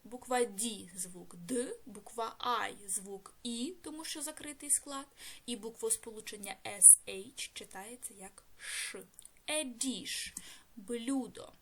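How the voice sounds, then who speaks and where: A woman's voice: on the high side, takes it slowly, a bit bright, husky. A woman teaching beginners English, spelling out letters and sounds and translating each word. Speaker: language teacher.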